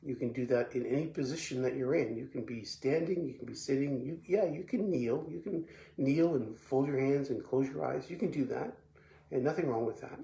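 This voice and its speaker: Gravelly-voiced man giving a devotional talk. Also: medium pitch, normal speed. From Belgium. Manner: relaxed, repeats words often, many fillers. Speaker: pastor. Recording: echoey room with faint background noise.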